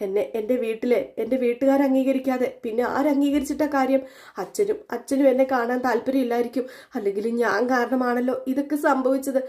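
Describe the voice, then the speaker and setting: Woman reading a distraught young husband, sobbing and self-blaming, quick and mellow. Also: sits high, steady tone, close to an everyday voice. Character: grieving young man crying to his wife.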